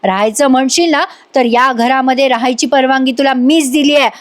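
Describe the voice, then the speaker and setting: Woman reads firm man's lines in her own high voice. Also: fairly quick, close to an everyday voice. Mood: stern. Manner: soothing, then stern. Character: calm firm man caring for an elderly lady.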